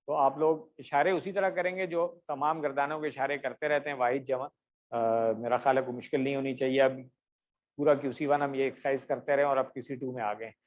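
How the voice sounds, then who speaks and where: A man teaching an online grammar class, speaking patiently, pausing often with fillers and stretching out drill words slowly. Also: medium pitch, steady tone. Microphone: computer mic on a video call with camera off.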